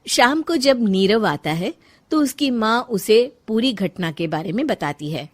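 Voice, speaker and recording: A woman narrating a cartoon moral story in a plain, even storytelling manner. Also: mid-range voice, unhurried.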